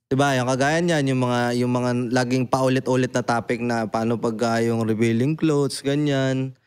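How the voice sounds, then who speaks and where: A young adult man hosting a casual podcast chat, animated and blunt, swearing freely and often asking "di ba?". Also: medium pitch, normal speed, smooth. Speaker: podcast host.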